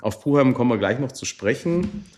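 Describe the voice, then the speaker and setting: A man's voice: medium pitch, animated, brisk, a little mellow. A man hosting a local podcast interview, asking friendly, slightly formal questions. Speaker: podcast host.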